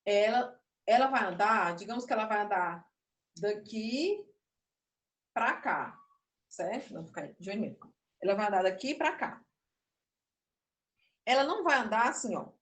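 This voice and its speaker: Her voice is medium-pitched and expressive at normal speed as she runs an online puppetry lesson, a bit nervous, breaking off mid-thought while she explains and shows techniques. The room echoes and she sounds distant from the mic.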